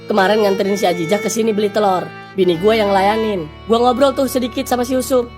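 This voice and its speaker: A woman's voice: medium pitch, fairly even intonation, quick pace, natural voice. A woman voicing an easygoing village shopkeeper man, teasing and gossipy, in a school cartoon. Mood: gossiping. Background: background music.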